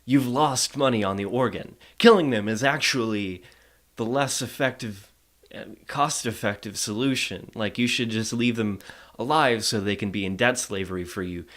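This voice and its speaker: A man's voice: lowish voice, moderate pace, a bit bright. A drunk man giving a casual, rambling comedic recap of a film, repeating himself with theatrical exasperation. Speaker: comic storyteller.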